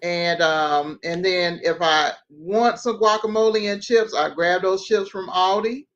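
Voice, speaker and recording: A woman's voice: on the low side, measured pace, a bit bright. Chatty woman host, lo-fi stream audio. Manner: chatty, lists things at an easy pace. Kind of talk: casual livestream chat.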